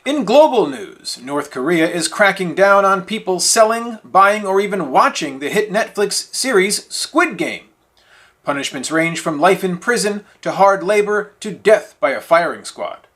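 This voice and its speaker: A man's voice: sits high, lively intonation, measured pace, a bit bright. A man reading scripted mock news as a parody news anchor, in a formal, straight-faced delivery.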